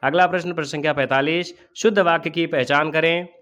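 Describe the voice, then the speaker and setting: Male exam tutor, fairly high voice, walks through answers step by step. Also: steady tone, fairly quick, a bit bright. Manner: asks and answers his own questions. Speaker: exam coaching teacher. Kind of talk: explaining test answers.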